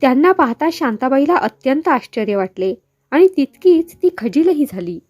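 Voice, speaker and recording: A woman reading a novel aloud, steady and expressive. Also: high voice, normal speed, no echo, soft background music. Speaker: novel reader.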